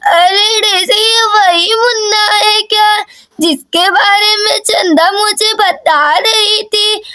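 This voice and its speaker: Woman putting on a slow sing-song grandma. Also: very high-pitched, fairly even intonation, pushed and bright, no room sound, clean studio sound, heavily acted. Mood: fond, soothing. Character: slow-talking elderly grandmother.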